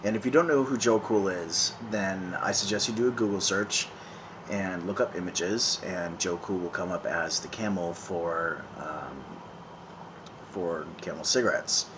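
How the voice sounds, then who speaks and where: A man in his thirties talking casually to a phone camera outdoors, smoking, with many pauses and restarts. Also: sits low. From San Francisco, California. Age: 30s. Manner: halting, many ums and restarts, conversational. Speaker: vlogger. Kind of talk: casual rambling monologue. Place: outdoors in town, evening. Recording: phone video with clear background noise.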